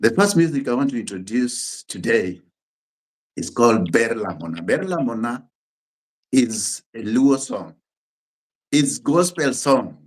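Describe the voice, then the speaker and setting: In a casual interview, a Kenyan guest in middle age, whose first language is Luo, speaks as a musician and pastor. His mid-range voice has a sing-song quality, and his simple sentences come out unhurried, frequently starting over.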